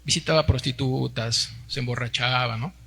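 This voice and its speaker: A Peruvian pastor in his forties delivers a Sunday sermon in Peruvian Spanish, calling the congregation brothers and tagging his sentences with little questions. His medium-pitched voice is steady, husky and sharp, with vocal fry, at a normal speed.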